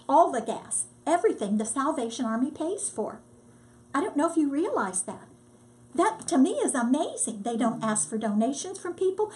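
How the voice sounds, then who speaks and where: An older woman, a disaster relief volunteer, telling her story in a lively, casual way and acting out what people said. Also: high voice. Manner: lively storyteller, acts out quotes. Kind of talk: casual testimony.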